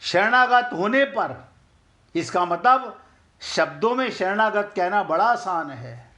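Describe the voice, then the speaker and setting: Middle-aged male spiritual teacher, high voice, slow and earnest, talks straight to listeners. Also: lively intonation, bright, forceful tone. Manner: chants couplets slowly. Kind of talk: explaining scripture.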